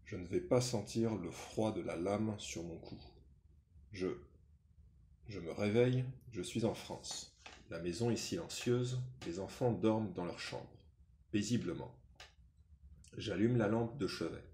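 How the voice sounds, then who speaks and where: A man reading a first-person memoir aloud in a measured, sober way. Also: fairly low pitch, mellow, slight background noise. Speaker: reader. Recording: roomy echo.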